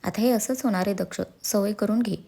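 Woman doing a young wife, storybook, mischievous, sly teasing delivery, mellow voice. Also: mid-range voice, brisk, lightly acted. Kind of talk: storybook character reading.

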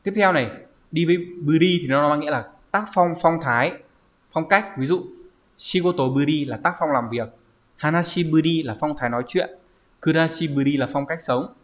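A man's voice: fairly high pitch, normal speed, a bit bright. A man teaching a Japanese vocabulary lesson online, explaining step by step and often checking with "right?". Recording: dull lo-fi recording.

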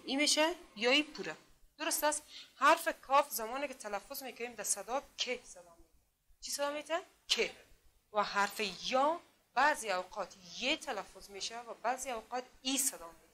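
A woman teaching literacy in a classroom, speaking with an Afghan Dari accent, patiently repeating herself and sounding out letters slowly. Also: a little high, sharp tone. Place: classroom with a board.

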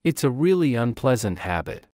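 A man reading short English practice sentences aloud in a deliberate, expressive way. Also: medium pitch, dry recording, clean studio sound.

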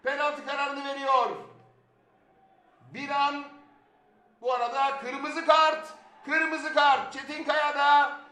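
A man's voice: extremely high pitch, flat delivery, slow pace, pauses often, bright, forceful tone. A man giving live play-by-play football commentary. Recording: roomy, echoing sound.

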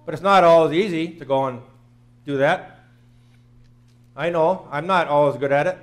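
A man's voice: on the high side, moderate pace. A man in his fifties preaching a sermon in a small church, earnest and plain-spoken, repeating phrases for emphasis. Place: small church sanctuary, in front of the altar.

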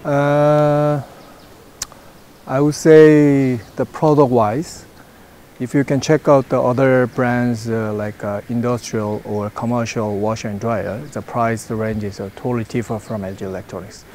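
A product manager in his 40s answers interview questions outdoors in front of a branded backdrop, recorded on a lapel mic with faint outdoor hiss. His non-native English is halting and full of fillers, delivered in a mellow, medium-pitched voice with fairly even intonation.

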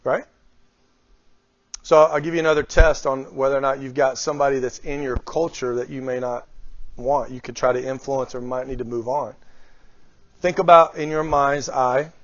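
Before a live group in a small room, a middle-aged male guest speaker gives a motivational leadership talk, often posing questions to the audience. His mid-range voice has fairly even intonation and a normal pace, and the dull lo-fi recording is dry with no echo.

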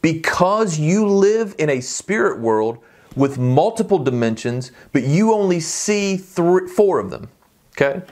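A man preaching a sermon, teaching in a conversational way, often checking in with the listeners and reading scripture aloud quickly. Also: on the high side, big pitch swings, darkish tone.

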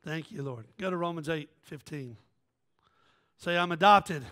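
A man preaching a fiery sermon as pastor in a church, shouting and whooping with the congregation. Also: fairly high pitch, a little slow. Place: church sanctuary.

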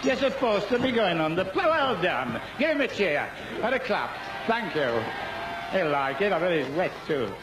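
A man with a Yorkshire accent delivers jokey, cheeky live commentary on an outdoor game show at a park event, bantering and chuckling as he goes. His voice sits high with big pitch swings at a moderate pace. The recording picks up crowd and background noise.

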